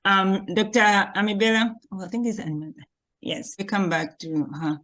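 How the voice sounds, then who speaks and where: A woman's voice: medium pitch, brisk. Woman hosting a video call meeting. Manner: warm, informal introductions with hesitations. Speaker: meeting host.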